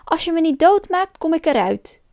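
A woman voicing a tiny, clever boy born from a chickpea in a told folk tale, with a high piping child's voice. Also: sing-song, moderate pace, darkish tone, no echo, studio quality, exaggerated voice. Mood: cheeky.

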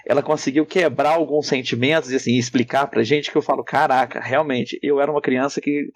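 A man's voice: mid-range voice, no room sound. Reflective man on a dry mic. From Brazil. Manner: reflective, hesitant, with fillers. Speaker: podcast co-host. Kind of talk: casual chat.

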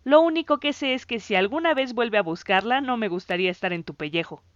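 A woman voicing an excitable boy who stammers and shouts insults at his friend. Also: fairly high pitch, quick pace, dry recording, lo-fi sound, natural voice. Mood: wry.

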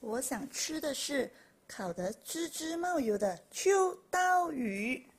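A woman voicing a greedy wolf in a storybook reading, with a lively drawn-out delivery. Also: high-pitched, exaggerated voice. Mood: dreamy. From Malaysia. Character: greedy grown wolf, cheerful then evasive.

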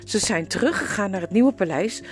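A woman's voice: medium pitch, animated, a little fast, soft background music, natural voice. A woman reading a storybook aloud and voicing a bold, determined young runaway girl who speaks firmly and urgently. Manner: firm and urgent.

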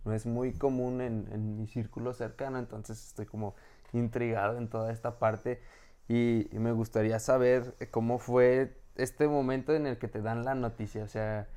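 A man with a Mexican Spanish accent hosting a podcast interview. He speaks at a middle pitch in a loose, chatty way and fills his questions with casual filler words. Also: level tone, normal speed, warm tone, clear, resonant tone. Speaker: podcast host.

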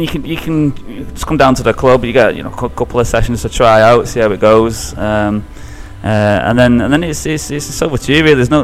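Halting northern English man, medium pitch. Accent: northern English, Greater Manchester. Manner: halting, repeats words, says "you know". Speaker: podcast guest, runner. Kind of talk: casual podcast interview.

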